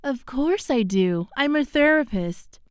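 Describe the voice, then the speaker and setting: Woman playing a sassy, animated witch. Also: high-pitched, measured pace, smooth, no echo. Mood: matter-of-fact. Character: bossy, confident female witch. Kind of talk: animated web series voice acting.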